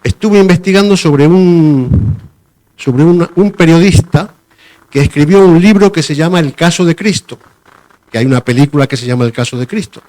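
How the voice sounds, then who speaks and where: Higher-voiced man preaching conversationally. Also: animated, moderate pace, a little mellow. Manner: conversational, repeats phrases and searches for words. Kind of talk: sermon.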